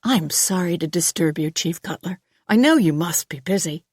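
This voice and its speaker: A woman's voice: fairly low pitch, expressive, normal speed, slightly rough, no room sound, clean studio sound. A woman reading a concerned, careful female doctor in an audiobook, polite and earnest.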